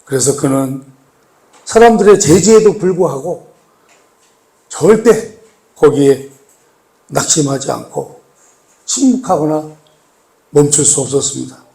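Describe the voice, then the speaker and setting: A male pastor with a notably high voice delivers a sermon. He asks his listeners questions and repeats key words for weight. He rises to emphatic lines, then drops to a soft, pleading hush. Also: animated, a little slow, creaky, pauses often. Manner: addresses the congregation with rhetorical questions and repetition; swings between raised emphatic lines and soft, hushed pleading.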